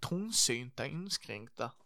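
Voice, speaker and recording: A man playing a character in a role-play game, telling animated, swear-filled stories about the old days. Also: mid-range voice, vocal fry, no room sound, studio quality. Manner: animated storytelling, lots of swearing. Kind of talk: in-character reminiscing chat.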